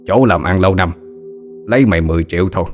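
A crude old man who deals in tattoo ink, cursing and sneering at whoever he talks to, as a male narrator puts him on. The voice sits low and coarse. A faint bed of music plays behind it. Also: fast talker, natural voice. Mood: gruff, mocking. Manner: cursing, gruff, mocking.

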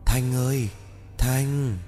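A man's voice: mid-range voice, steady tone, extremely slow, dark tone, soft background music, pitched above the performer's own voice. A man voicing a wailing mother's ghost. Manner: pleading, broken, repeating words.

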